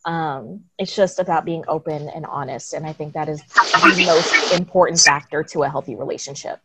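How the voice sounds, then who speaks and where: A woman's voice: low voice, fairly even intonation, normal speed, very noisy. A woman in her early twenties speaking candidly and reflectively as a panel guest. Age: 20s. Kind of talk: casual discussion.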